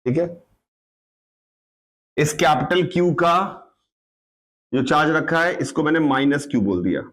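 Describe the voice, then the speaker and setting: A man's voice: a little high, animated, unhurried, fairly bright tone. A man teaching a physics lecture in mixed Hindi and English, explaining step by step and often checking that students follow. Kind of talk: classroom lecture.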